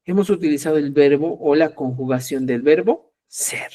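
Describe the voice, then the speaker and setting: A middle-aged man with a fairly high voice teaches a live online Quechua lesson at a moderate pace. Lively and chatty, he plays both speakers in sample dialogues, his voice rising on questions. He frequently checks in with viewers, calling them dear friends.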